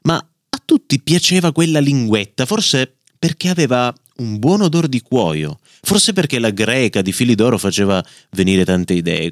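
A man hosting a podcast, reading a children's story aloud in an expressive, lively storyteller's manner. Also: low voice, no echo, studio quality. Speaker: podcast host.

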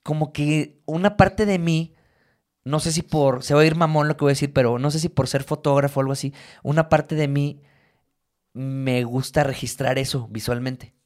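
A man's voice: on the high side, moderate pace. A young man with a Mexican Spanish accent, chatting casually as a co-host, telling stories with lots of swearing and animation. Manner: animated storyteller, swears freely. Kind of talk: casual chat.

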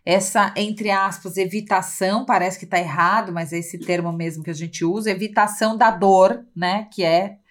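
A woman's voice: mid-range voice, steady tone, moderate pace, few pauses. A woman with a Brazilian Portuguese accent, co-hosting a podcast and explaining ideas in casual chat. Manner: explains with many "né?" tags and acted examples. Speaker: podcast co-host.

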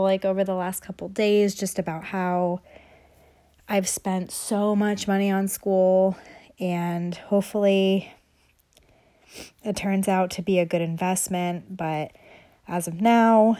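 A woman's voice: lowish voice, a little mellow. A young woman chatting casually on a solo podcast, rambling as she thinks aloud, with a stuffy nose and short of breath from a cold, breathing through her mouth. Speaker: podcast host.

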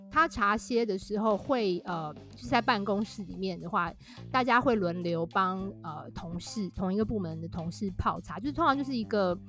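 A woman author joins a casual podcast chat, speaking. Her voice is mid-pitched and she explains at length with easy laughter. A faint bed of music sits under the talk. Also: fairly bright tone. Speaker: guest author.

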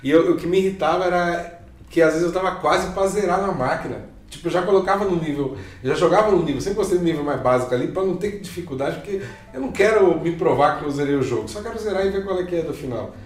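A man's voice: on the high side, quick pace. Slangy São man telling stories. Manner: slangy, laughing, animated storytelling. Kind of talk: casual chat. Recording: roomy, mic at a distance, faint music.

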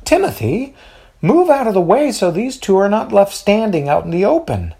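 Brief: high, shrill, fussing mom, bossy, lively and animated. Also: female voice, moderate pace, creaky. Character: fussy, shrill mother fretting over guests.

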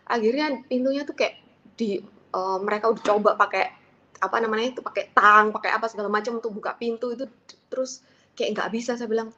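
A woman earnestly recounting a personal story in casual speech, halting at times and livening up when she quotes what she said. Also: on the high side, sharp tone, dull audio, slight background noise. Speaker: interviewee telling a personal story.

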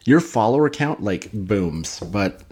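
A man's voice: lowish voice, expressive, slow pace, darkish tone, husky. A man hosting a podcast in casual chat, laid-back and jokey, often calling people "man" and "dude".

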